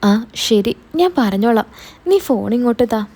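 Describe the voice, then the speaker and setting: A woman voicing a calm, homely middle-aged mother who speaks in a plain, scolding way. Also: a little high, a little slow. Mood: puzzled.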